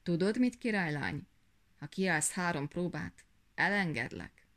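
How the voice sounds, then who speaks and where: Stern storybook dragon, read by a woman, slow, firm, lower voice. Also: animated, fairly bright tone. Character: stern, watchful dragon keeping a princess.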